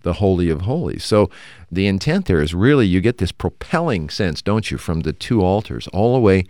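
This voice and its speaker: Male co-host, low voice, animated intonation, thoughtful explainer. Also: no echo, clean studio sound. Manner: thoughtful, explanatory, with filler pauses. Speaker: radio show co-host. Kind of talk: conversational Bible discussion.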